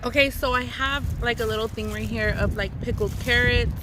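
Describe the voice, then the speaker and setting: A woman's voice: fairly high pitch, steady tone, moderate pace. A woman chatting casually and informally to camera as an eating-show host, peppering her talk with slangy exclamations. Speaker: mukbang vlogger, host. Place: outdoors in a park. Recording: clear outdoor ambient noise. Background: outdoor ambience, wind.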